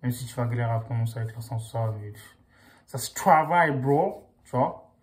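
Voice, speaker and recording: A man's voice: mid-range voice, fairly quick. A young man, chatting casually to camera in loose, slangy speech full of fillers. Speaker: vlogger.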